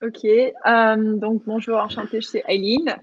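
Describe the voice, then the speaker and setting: A young woman from Madagascar, a social entrepreneur, joins an online panel talk as a guest over a video call. Her voice is a little high and level in tone, and she speaks a little slowly, hesitating and using many fillers as she searches for words. The recording has a dull, lo-fi sound.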